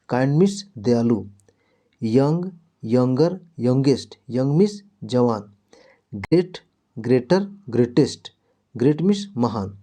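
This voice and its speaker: A man's voice: mid-range voice, dark tone. A man teaching a grammar lesson in Hindi, reciting word lists in a drilling rhythm and answering his own questions. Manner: asks questions and answers them himself.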